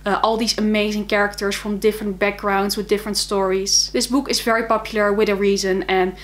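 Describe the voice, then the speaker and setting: A young Dutch woman, a book vlogger with a Dutch accent, does a casual monthly reading wrap-up, enthusiastically chatting about the books she read. Her mid-range voice has a flat delivery, moves a little fast, and is peppered with fillers.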